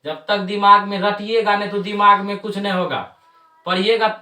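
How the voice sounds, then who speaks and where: A man's voice: high voice, flat delivery, normal speed, bright, forceful tone. A male coaching teacher gives an exam lesson, drilling points by chanting them over and over. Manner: repetitive drilling, chant-like recitation. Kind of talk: classroom lesson on Hindi phonetics. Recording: roomy echo, mic at a distance.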